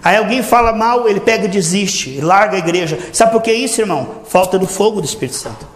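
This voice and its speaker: A man's voice: sits high, animated, fast talker. A man preaching a sermon, earnest and exhorting, repeatedly addressing his listeners as brothers and stretching out words for emphasis. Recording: echoey room with faint ambient noise.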